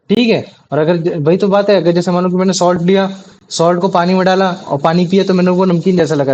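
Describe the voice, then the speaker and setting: Explaining science one step at a time, this teacher keeps asking his students tag questions to make sure they follow. His voice sits high with a slightly mellow quality, captured in dull lo-fi audio.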